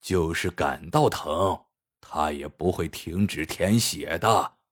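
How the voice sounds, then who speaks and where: A man voicing a shrewd old village hunter who speaks slowly and knowingly, like someone lecturing. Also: low voice, breathy edge, pitched below the performer's own voice, exaggerated voice.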